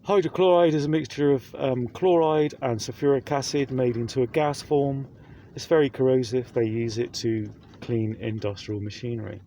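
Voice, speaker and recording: This man's voice is mid-range, steady and mellow at normal speed, with slight background noise. He's talking to camera through a face mask in a casual, rambling vlog, repeating himself, restarting and using many fillers.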